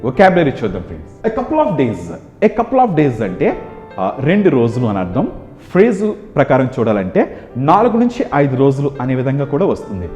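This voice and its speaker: A man with a Telugu accent teaching spoken English, drilling phrases in rapid rhythmic lists. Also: mid-range voice, wildly swooping pitch, a little mellow. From India. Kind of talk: classroom English lesson. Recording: echoey room, dull sound, music behind.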